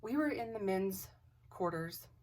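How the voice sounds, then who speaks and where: A woman telling a personal ghost story to camera in a casual, animated way, acting out the dialogue and sometimes dropping to a whisper. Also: mid-range voice, measured pace. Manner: animated, acts out quoted dialogue, drops into whispers. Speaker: craft channel host. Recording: voice a bit distant from the mic.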